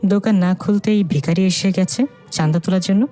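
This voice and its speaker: A narrator voicing a sharp-tongued young woman who teases and mocks her rival. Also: medium pitch, a little fast, faint music behind, lightly acted. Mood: mocking. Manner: teasing, mocking.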